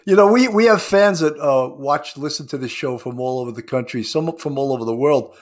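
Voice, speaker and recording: A man's voice: medium pitch, fairly quick. A man with a New York accent hosting a casual, conversational interview show.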